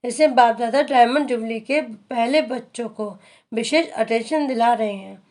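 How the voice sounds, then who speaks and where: A woman reading a daily spiritual discourse aloud in a measured, earnest, instructive way. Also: on the high side, a little mellow. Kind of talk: slow devotional reading.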